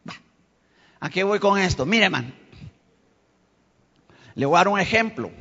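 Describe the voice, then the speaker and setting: A man's voice: high voice, expressive, moderate pace, vocal fry, sharp tone. A man preaching a sermon as pastor, calling his listeners brothers and sisters and rising to emphatic peaks. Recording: dull lo-fi live stream with long hall reverb.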